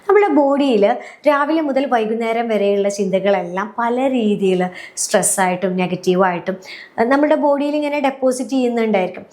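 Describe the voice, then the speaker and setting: A woman, a happiness coach, calmly guiding listeners step by step through a breathing and relaxation routine for sleep. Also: mid-range voice. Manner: calm, step-by-step, often checking "clear?". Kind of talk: guided relaxation instruction.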